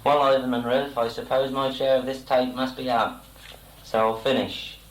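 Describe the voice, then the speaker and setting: A man's voice: medium pitch, little pitch movement, normal speed. Man, formal, self-conscious, spoken letter, echoey home tape. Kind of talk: recorded spoken letter to relatives. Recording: echoey amateur tape, faint noise.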